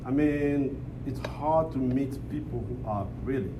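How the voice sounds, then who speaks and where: A man's voice: medium pitch, measured pace. A man from Congo with a Congolese accent, speaking English as a second language, preaching as a visiting pastor and calling for amens. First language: not English. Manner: repeats phrases, calls for amens. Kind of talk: church preaching and prayer with call-and-response. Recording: noisy live church room.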